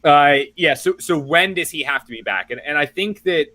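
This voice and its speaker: A man with a bright, forceful voice talks through a casual podcast chat as a football reporter. He rambles, restarts his sentences and drops joking asides as he goes. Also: on the high side, lively intonation, moderate pace.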